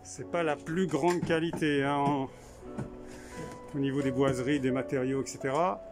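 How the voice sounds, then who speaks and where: On a handheld camera, a man tours a small camper van at a trade show, thinking aloud in a casual walkthrough full of fillers and restarts. His voice is medium in pitch and steady in tone, moving at a normal speed. Music plays behind him.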